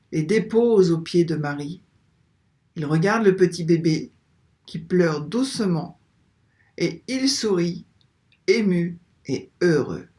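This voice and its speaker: Slow, gentle devotional reader. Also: medium pitch. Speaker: narrator. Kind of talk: devotional scripture-style reading.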